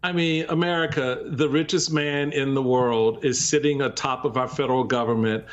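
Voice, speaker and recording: A man on a discussion panel who argues forcefully, asking and answering his own questions. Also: medium pitch, steady tone, moderate pace, muffled recording. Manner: forceful, repeats rhetorical questions.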